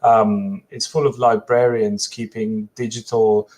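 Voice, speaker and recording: A man narrating a tabletop role-playing scene as game master, halting with many fillers and restarts. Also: lowish voice, level tone, darkish tone, rough recording.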